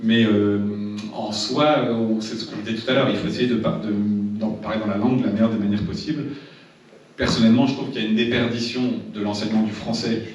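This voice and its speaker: A man's voice: lowish voice, steady tone, fast, darkish tone. A man training a seminar audience in public speaking, talking casually with many restarts and repeated words. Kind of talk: seminar talk to a live audience. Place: seminar room. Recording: echoey room, distant mic, dull sound.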